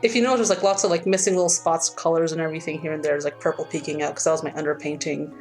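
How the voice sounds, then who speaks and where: A woman's voice: deep voice, fairly even intonation, racing, darkish tone, soft background music. A young woman artist chatting casually as she walks friends through her painting process, laughing often and swearing now and then. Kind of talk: casual chat while painting.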